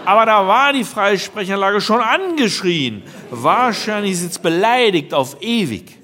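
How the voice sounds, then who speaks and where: A man's voice: high-pitched, expressive, moderate pace, sharp tone. A man reading a first-person story aloud in a dry, wry manner. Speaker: narrator.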